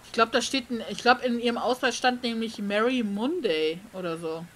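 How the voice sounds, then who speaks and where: A woman's voice: on the high side, moderate pace, fairly bright tone, a little hiss or hum. A woman giving casual gameplay commentary as a let's play host, chatty and musing aloud.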